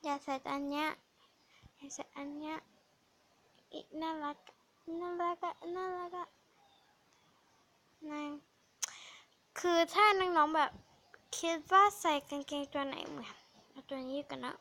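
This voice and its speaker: A woman's voice: high-pitched, unhurried, long pauses, bright, forceful tone. A school-age girl chatting casually while playing a game as a vlogger, playful and sometimes swearing.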